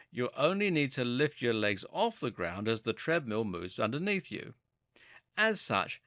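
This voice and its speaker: Bright, lively male instructional narrator. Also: medium pitch, no echo, studio quality. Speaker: narrator of a fitness guide.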